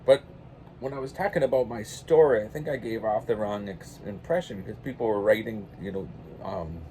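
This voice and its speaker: An older man telling a meandering story in a quiet, low-key way, with lots of restarts. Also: a little fast, a little hiss or hum. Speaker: pipe-smoking channel host. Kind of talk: casual rambling anecdote.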